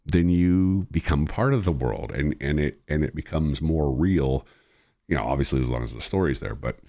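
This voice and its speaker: Deep-voiced man, swearing, laughing. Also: normal speed, warm tone. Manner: swears a lot, laughs often, rambling. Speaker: streamer host. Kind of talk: casual chat.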